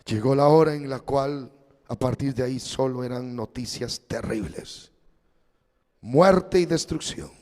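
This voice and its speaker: A pastor preaching a sermon as dramatic storytelling, his voice swinging between loud and hushed. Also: medium pitch, measured pace, in a large hall.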